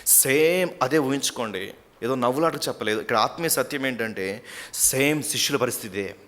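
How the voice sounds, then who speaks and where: A man's voice: mid-range voice, brisk. A man preaching a sermon as a pastor, telling stories and acting out the people in them. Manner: animated storyteller, acts out characters.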